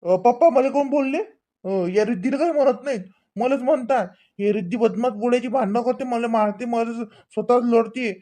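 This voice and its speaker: A voice actor playing a sulky, stubborn young boy in an animated cartoon. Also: very high-pitched, normal speed. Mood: complaining. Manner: whiny, stubborn, pouting. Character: sulking young boy Tejas, stubborn and whiny.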